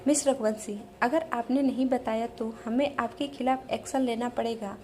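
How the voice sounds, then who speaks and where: A woman's voice: on the high side, steady tone, moderate pace, a little mellow, a little hiss or hum, lightly acted. A woman voicing a stern male college principal in an audio story, strict and commanding.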